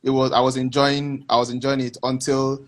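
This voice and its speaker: A man, a guest on a video call, telling his story haltingly with many restarts. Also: medium pitch, little pitch movement. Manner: hesitant, many restarts, reflective. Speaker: interview guest. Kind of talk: casual interview answers.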